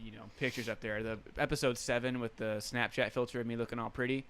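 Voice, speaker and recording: A man's voice: medium pitch, steady tone, quick pace, a bit bright, smooth. Easygoing young man telling stories. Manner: storytelling, easygoing, laughs often. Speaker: podcast co-host. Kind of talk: casual chat.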